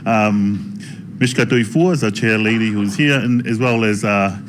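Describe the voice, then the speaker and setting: A man speaking informally to a gathering as a presenter, in a halting way with repeated phrases. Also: fairly low pitch, background noise. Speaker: tourism authority presenter introducing speakers. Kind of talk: informal public address at a launch event. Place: conference room.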